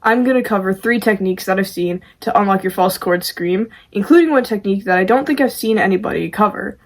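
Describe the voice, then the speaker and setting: Female amateur vocalist as tutorial host: informal, self-deprecating, medium-pitched, conversational delivery. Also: fairly quick. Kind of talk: casual video tutorial.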